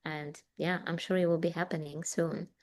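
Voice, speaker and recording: A Polish woman in her forties with a deep voice and a Polish accent chats as a guest artist in a casual interview, speaking at a moderate pace with a flat delivery. She's warm but rambling, full of fillers and laughs.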